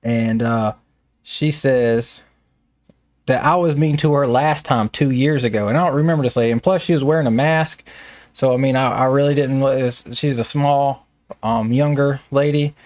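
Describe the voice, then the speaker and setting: A man with a Southern American accent talks through his stories in a plainspoken, colloquial way. His voice sits at an ordinary middle pitch. The sound is dry and close, with no room echo. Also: normal speed, darkish tone. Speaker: staffing business owner. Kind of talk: casual storytelling interview.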